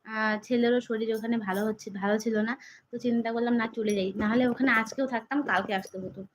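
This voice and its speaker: A woman hosting a live stream from her phone, answering viewer comments in a slow, chatty way while her voice is hoarse from being unwell. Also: fairly high pitch, steady tone, slight background noise, rough recording.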